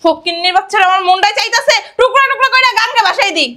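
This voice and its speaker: Woman, very high pitch, rapid scolding, bright edge. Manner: loud scolding in rural dialect. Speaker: mother of the bride. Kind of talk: Bangladeshi village drama acting.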